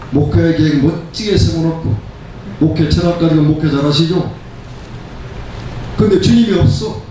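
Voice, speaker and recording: Here the same elderly preacher in his 70s sounds darker in tone, though his voice is still on the higher side. He stays emphatic, stressing points through parallel repetition, heard through a distant mic in a very echoey room with faint noise.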